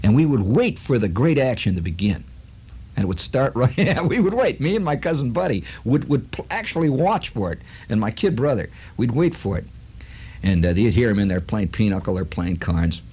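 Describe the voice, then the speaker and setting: A man's voice: mid-range voice, big pitch swings, moderate pace, mellow, breathy edge. A man from Chicago hosting a radio show, telling a rambling, wry story full of asides. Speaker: radio host. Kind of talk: storytelling monologue.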